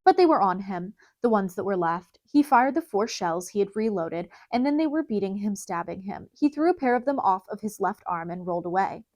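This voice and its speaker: A woman narrates an audiobook in dramatic, scripted storytelling, her voice at a middle pitch for a woman with a darkish tone. She's animated and brisk with few pauses, recorded close and dry with no room sound.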